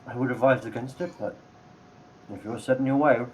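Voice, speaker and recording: A man's voice: medium pitch, fairly even intonation, a little fast, a little mellow, slight background noise, lightly acted, rough recording. A man voicing a chatty male shopkeeper who rambles and hesitates with many ums. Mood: helpful.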